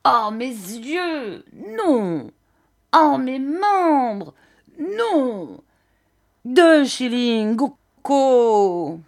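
A woman's voice: high-pitched, very animated, very slow, pitched above the performer's own voice, heavily acted. A woman voicing a ferocious, drunken old male rag dealer who wails his words in a shrieking sing-song.

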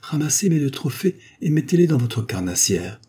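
A man's voice: medium pitch, very animated, moderate pace, warm tone, slightly rough, pitched above the performer's own voice. A man voicing a confident, mocking young woman in a storybook reading, with a teasing, ironic manner.

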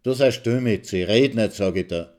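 A man reading a story aloud and voicing a rough young man who stutters and drawls in thick Viennese dialect. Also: mid-range voice, big pitch swings, a little mellow, voice pushed up. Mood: angry. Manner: stuttering, drawn-out, mumbled speech.

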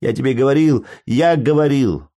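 A man voicing a fussy, panicky, plump little old man who talks in a high, pleading, flustered way. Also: normal speed, warm tone, close to an everyday voice.

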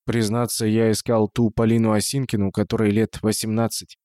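A man's voice: lowish voice, flat delivery, a little fast, mellow, dry recording, lightly acted. A man voicing a composed, middle-aged male investigator who speaks politely with dry irony.

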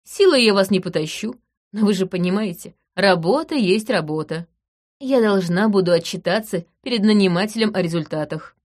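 A woman reading an audiobook in the first person, in a brisk, dry and commanding manner. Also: medium pitch, animated, a little mellow. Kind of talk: audiobook narration.

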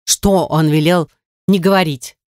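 A woman voicing an impatient, quarrelsome noblewoman who gives sharp, insistent commands. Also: on the low side, fairly even intonation, a little slow, no echo, clean studio sound, lightly acted. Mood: demanding.

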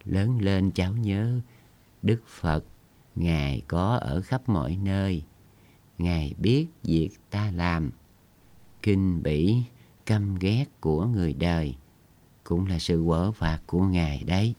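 A frail, devout old grandmother, as a male storyteller puts her on, slow and pleading, her voice low and deep. She speaks weakly and gently, sometimes sinking to a thin whisper, in a storybook reading.

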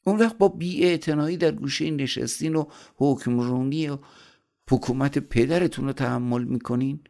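A man's voice: medium pitch, dark tone, pitched above the performer's own voice, natural voice. A man putting on a wheedling, scheming devil. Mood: urging. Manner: smooth, wheedling, coaxing. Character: flattering, scheming male devil tempter. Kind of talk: audiobook storytelling.

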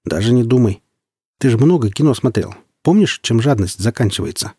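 A man voicing a shrewd, steady male scavenger leader in an audiobook story, giving matter-of-fact warnings. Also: medium pitch, fairly quick, slightly rough, dry recording, clean studio sound. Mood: calm, knowing.

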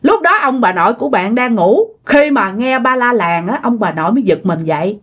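A woman with a Southern Vietnamese accent tells a ghost story casually, chatting straight to her listeners. Her voice sits a little high and moves with a lively, animated lilt. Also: brisk, husky. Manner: chatty, addresses listeners directly.

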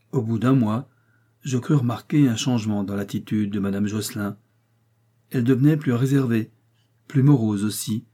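A man narrating a literary short story in a measured, steady reading. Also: medium pitch, husky. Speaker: audiobook narrator.

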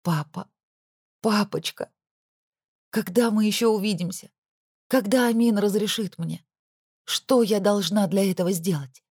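A woman's voice: mid-range voice, unhurried, long pauses, darkish tone, husky, dry recording, studio quality, voice pushed up. A woman voicing a desperate young wife who cries out and pleads through sobs. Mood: pleading. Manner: pleading, sobbing outbursts.

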